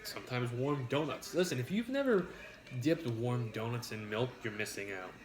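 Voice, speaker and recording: A mukbang co-host with a mid-range voice chats casually and bluntly while eating, swearing now and then. His intonation is lively and his speed normal, and the room is echoey with busy chatter in the background.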